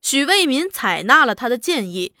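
A woman narrating a serialized novel in an expressive, lively storytelling manner. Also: sits high, moderate pace, no room sound, studio quality. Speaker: audiobook narrator.

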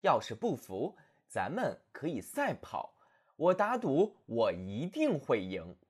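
A man voicing an arrogant male hare who fancies himself a gentleman, talking in a haughty, sneering way in a storybook reading. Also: medium pitch, huge pitch swings, takes it slowly, slightly rough, heavily acted. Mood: boastful. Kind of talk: storybook narration.

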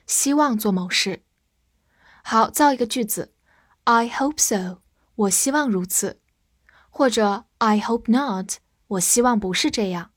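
A woman teaching English vocabulary, spelling words out and reading example sentences slowly and clearly. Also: mid-range voice, no room sound, studio quality. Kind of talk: vocabulary lesson.

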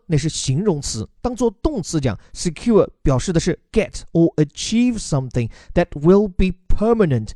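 Man explaining words in a mellow voice. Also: on the high side, dry recording, studio quality. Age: young adult. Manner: explanatory, spells out words letter by letter. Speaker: English teacher explaining a news text. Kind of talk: podcast lesson mixing Chinese and English.

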